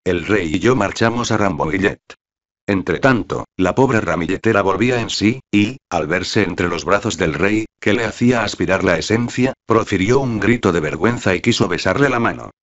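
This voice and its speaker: In a dull, lo-fi recording lacking sparkle, a male audiobook narrator calmly works through a novel. His delivery of the scripted text is even and deliberate, and his voice sits very low and deep.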